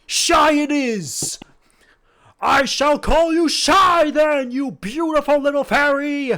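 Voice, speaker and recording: A man voicing a big, dopey sweet himbo who is loudly and aggressively positive in a tabletop game. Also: extremely high pitch, slow pace, pitched above the performer's own voice, heavily acted. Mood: jubilant. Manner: dopey, sweet, bombastic and earnestly loud.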